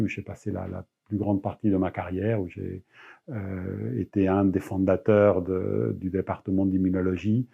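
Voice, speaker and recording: A middle-aged man from Argentina, a research scientist, giving a measured interview statement with frequent hesitations and repeated words. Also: lowish voice, vocal fry, warm tone, slightly rough, muffled recording.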